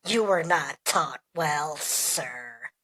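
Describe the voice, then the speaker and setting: A woman's voice: low-pitched, lively intonation, drawn-out words, bright, forceful tone, slight background noise, full character voice, poor audio. A woman voicing a disgruntled customer who demands the manager, speaking through a voice changer. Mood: huffy, demanding. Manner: pushy, repeats "sir".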